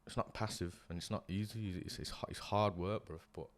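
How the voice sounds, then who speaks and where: A young man with a low voice talks in a relaxed interview. His speech is slangy and earnest, full of small restarts and tag questions. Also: fairly quick. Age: young adult. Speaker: guest, property investor. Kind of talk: casual interview chat.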